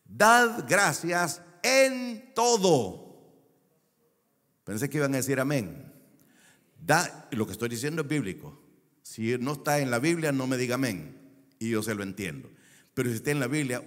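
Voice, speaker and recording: A man's voice: mid-range voice, very animated, a little fast, big-room sound. A man preaching a sermon as a pastor, stretching key words for emphasis and telling a personal story. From El Salvador.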